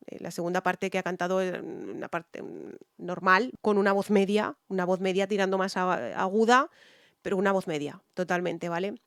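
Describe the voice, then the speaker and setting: A woman's voice: medium pitch, no echo, studio quality. A woman from Spain with a Spanish accent, a singer giving casual reaction commentary on songs, chatty with many fillers and sung snatches of melody.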